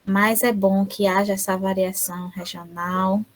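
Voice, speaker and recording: A woman interpreting an online lecture aloud, speaking haltingly with frequent tag questions. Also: mid-range voice, flat delivery, low-quality recording.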